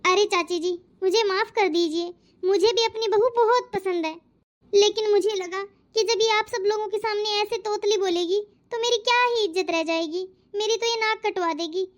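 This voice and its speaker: A woman's voice: very high-pitched, normal speed. A woman voicing a proud, scolding mother-in-law. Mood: remorseful. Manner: scolding, fussy about her honour. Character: sharp-tongued middle-aged mother-in-law, proud and quick-tempered. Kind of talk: cartoon voice acting.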